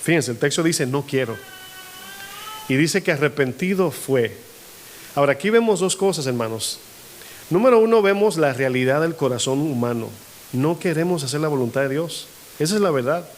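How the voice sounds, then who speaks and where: A man with a fairly high-pitched voice preaches to his church. He stops often to ask the congregation questions. He plays out quoted people with lifted pitch. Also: animated, moderate pace, slight background noise. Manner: asks the congregation frequent call-and-response questions. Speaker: pastor. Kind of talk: sermon. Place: church hall.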